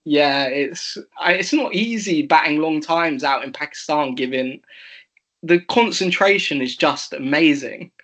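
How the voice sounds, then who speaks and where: A young man co-hosting a casual sports chat, chatty and quick to laugh, with fillers and restarts. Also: fairly high pitch, lively intonation, a bit bright. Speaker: co-host.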